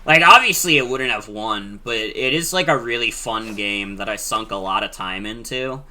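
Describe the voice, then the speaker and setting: A man in his twenties, a streamer chatting casually while he plays, excitable and quick to swear. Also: lowish voice. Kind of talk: casual game-stream chat.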